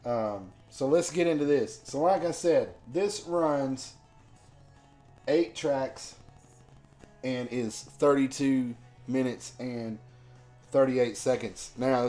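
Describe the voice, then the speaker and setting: A man with a sore, rough throat giving a casual album review, slow and loose with lots of ums. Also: mid-range voice, mellow. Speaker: music reviewer.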